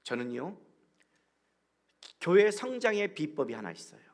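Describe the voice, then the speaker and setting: A man's voice: high-pitched, measured pace. A middle-aged male pastor giving a guest sermon, telling stories and acting out bits of dialogue. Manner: animated storytelling with acted-out dialogue.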